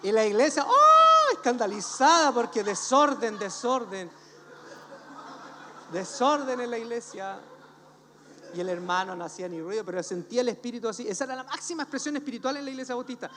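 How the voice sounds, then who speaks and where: A man's voice: very high voice, a little fast. A man preaching a humorous sermon as pastor, telling stories with jokes and acting out the voices of the people in them. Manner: animated storytelling, jokes, acts out voices. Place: church hall. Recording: church hall reverb, faint hum.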